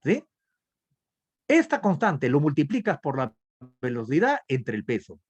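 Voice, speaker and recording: A man's voice: a little high, wildly swooping pitch, unhurried, slightly rough. A man with a Peruvian Spanish accent teaching an online nursing class over a video call, working through a calculation step by step and asking questions that he then answers himself. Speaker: nursing instructor.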